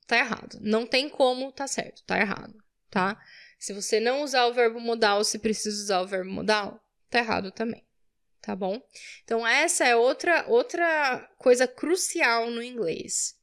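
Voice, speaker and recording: In an online grammar lesson, a woman with a fairly high, fairly bright voice teaches English to Portuguese speakers. She explains patiently and checks understanding by tagging her phrases with "né?" and "tá?".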